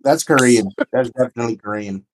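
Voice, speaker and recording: A man's voice: mid-range voice, brisk, slight background noise. A man co-hosting a casual podcast, skeptically questioning the others' claims. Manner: skeptical, pokes holes in claims. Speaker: podcast co-host. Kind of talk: casual chat.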